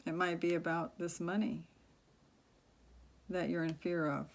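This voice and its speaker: A soft-spoken woman giving a tarot reading, talking low and halting with many fillers. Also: flat delivery, creaky. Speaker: tarot reader.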